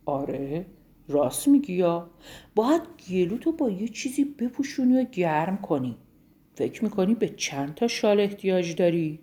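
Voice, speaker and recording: A gentle, fatherly rhinoceros giving calm advice, read by a woman in a storybook voice. His lines move up and down lively and sound mellow and soft-edged. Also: lowish voice. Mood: thoughtful. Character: kind male rhinoceros, gentle adviser.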